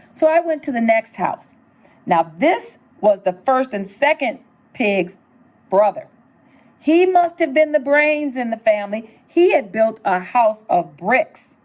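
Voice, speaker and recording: Middle-aged woman, high, lively storybook read-aloud, unhurried and expressive. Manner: expressive storytelling, narrating as the wolf. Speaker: school superintendent reading aloud.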